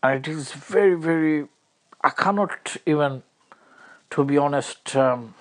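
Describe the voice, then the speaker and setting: A man delivering a comic, mock-tearful monologue, lamenting over the top and repeating himself in halting bursts. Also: a little high.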